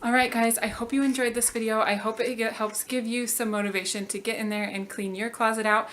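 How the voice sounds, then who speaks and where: A woman's voice: on the high side, flat delivery, a little fast, fairly bright tone, slight background noise. A young woman from Colorado, chatting casually through a home organizing vlog with frequent ums and likes. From Colorado, USA. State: slightly out of breath. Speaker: vlogger.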